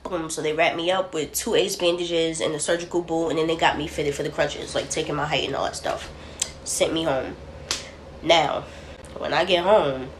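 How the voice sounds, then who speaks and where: A young woman talks straight to camera in a relaxed vlog, her voice sitting a bit on the low side. She is blunt and chatty and swears freely. She jumps into the voices of the people she quotes. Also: slight background noise. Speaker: vlogger. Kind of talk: casual storytelling to camera.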